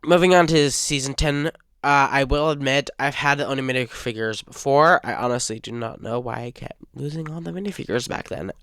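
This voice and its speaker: Young male fan host, under the weather, rambles and stumbles; smooth, clear tone, dry close recording. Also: mid-range voice, fairly quick, few pauses, a bit bright, no echo. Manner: rambling, hesitant with frequent uh fillers. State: sick, stuttering. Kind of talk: casual fan review talk.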